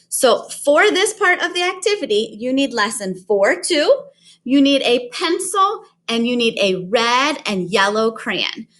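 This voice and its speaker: A woman's voice: fairly high pitch, fairly bright tone. Sing-song woman teacher, like a kids show host. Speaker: kindergarten teacher. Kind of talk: children's math lesson, counting along.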